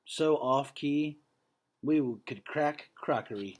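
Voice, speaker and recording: Like a teacher addressing students, a man reads a picture book aloud in a mid-range voice. His phrasing is measured, and he drops in casual explanatory asides.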